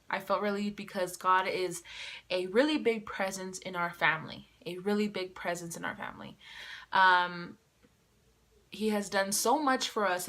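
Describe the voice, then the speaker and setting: A young woman chats to her camera in a casual vlog, telling a story with animated energy. Her voice is bright and forward, with a tense, sharp edge to it. She sits at an ordinary middle pitch for a woman. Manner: animated, acts out quoted dialogue. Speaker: vlogger.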